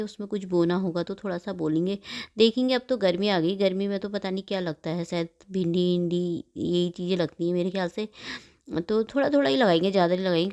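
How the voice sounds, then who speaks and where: A middle-aged woman vlogger who talks quickly and rambles while narrating her morning cooking and chores. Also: fairly low pitch, a little mellow. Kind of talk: chatty voice-over about her morning cooking.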